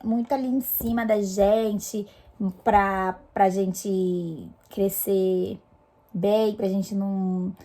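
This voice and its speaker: A woman's voice: medium pitch, steady tone, extremely slow, dark tone. A young woman from Brazil casually telling a personal story to her viewers, chatty and full of fillers. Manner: chatty, many fillers and restarts. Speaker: vlogger.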